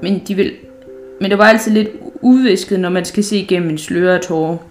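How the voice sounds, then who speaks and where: A woman's voice: on the low side, faint music behind. Woman reading a children's story aloud. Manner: gentle, unhurried, with small slips and restarts.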